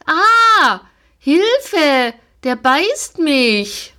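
A woman's voice: mid-range voice, animated, slow. A woman voicing a whiny, reluctant young girl in a storybook reading, with a childlike, complaining manner.

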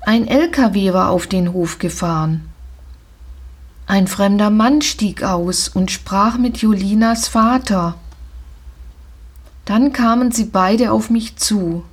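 A woman narrating a children's story in the first person in a calm, measured way. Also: medium pitch, breathy edge. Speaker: audiobook reader.

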